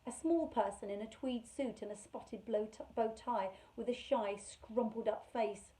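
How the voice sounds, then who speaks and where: A woman reading a children's novel aloud in a measured, expressive way. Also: fairly high pitch, rough recording. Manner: measured, expressive, slows on key words. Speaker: storyteller for children.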